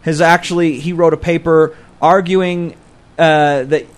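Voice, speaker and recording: A man's voice: a little high, steady tone, unhurried. A man co-hosting a podcast, explaining scripture in a casual, scholarly way and thinking aloud as he goes. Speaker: podcast co-host discussing scripture.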